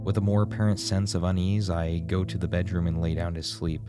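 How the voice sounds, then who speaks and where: Music plays behind a deep-voiced man who narrates a horror game video essay briskly, his pitch barely moving. He reads from a script in a dramatic, ominous storytelling style.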